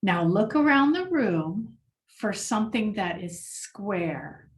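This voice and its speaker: A woman guides a class of children through a mindfulness lesson, her tone gentle and encouraging. Her mid-range voice moves slowly with big pitch swings, and the mic sounds distant.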